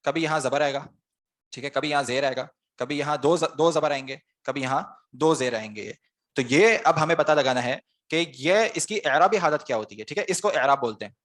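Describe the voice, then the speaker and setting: The man's voice is mid-range and a bit bright as he teaches an online class on Arabic grammar. He goes step by step, first questioning his students, then giving the answers himself.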